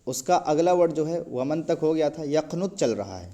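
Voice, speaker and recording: Man, fairly high voice, patient tutor, checks understanding, quick praise. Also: lively intonation, dark tone. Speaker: Quran recitation teacher. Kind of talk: one-on-one tutoring lesson.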